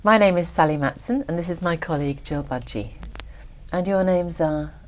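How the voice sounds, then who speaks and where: A woman serves as an examiner and reads out scripted test instructions. Her voice sits a little low, and her delivery is formal and measured.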